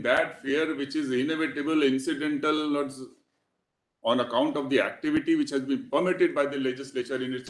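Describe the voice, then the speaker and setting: A man with an Indian English accent argues as an advocate before the court, formal and deferential, saying "my lord" again and again. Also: medium pitch. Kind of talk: courtroom legal argument. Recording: echoey courtroom audio.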